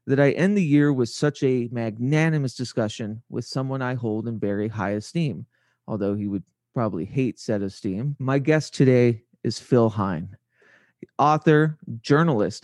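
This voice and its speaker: A man's voice: mid-range voice, a little mellow, no room sound, studio quality. A man hosting a podcast, reading a scripted introduction in a theatrical, florid and ornate way. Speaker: podcast host.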